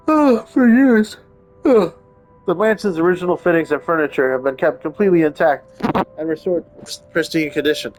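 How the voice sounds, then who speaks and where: The recording is low quality, capturing a slightly high male voice. He's a game streamer playing a visual novel, reading narration aloud and adding sarcastic, wry asides in casual let's-play commentary, with game background music playing.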